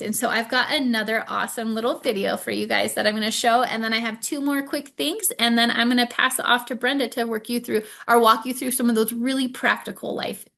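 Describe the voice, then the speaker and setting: A woman's voice: fairly high pitch, vocal fry, a bit bright. A woman presenting an online workshop, upbeat and encouraging, repeating her points for emphasis over a video call microphone. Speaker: webinar presenter.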